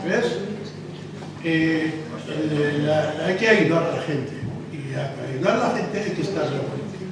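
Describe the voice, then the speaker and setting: Hombre palestino dando un discurso en una sala con eco. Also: male voice, a little high. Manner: halting, searching for words. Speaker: local election candidate. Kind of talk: after-dinner speech. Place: restaurant dining hall. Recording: echoey room from far off, noisy.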